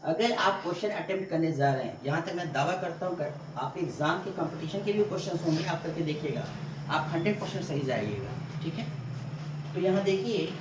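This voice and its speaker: Male teacher giving a patient board lesson; distant, echoey recording with steady noise. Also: on the high side, a little fast. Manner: explains step by step, repeating "ठीक है". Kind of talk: classroom grammar lesson. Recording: echoey room, distant mic, clear background noise.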